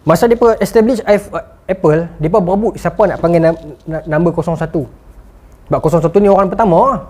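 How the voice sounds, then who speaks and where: A man giving a motivational lecture, telling stories with animated delivery and acted-out quotes. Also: high-pitched, brisk. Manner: animated storytelling, acting out quotes. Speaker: motivational speaker.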